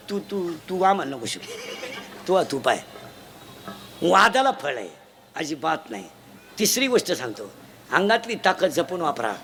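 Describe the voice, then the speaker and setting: A man giving a comic kirtan sermon, teasing and shouting questions to children in the audience. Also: high-pitched. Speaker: kirtan preacher. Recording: noisy live event ambience.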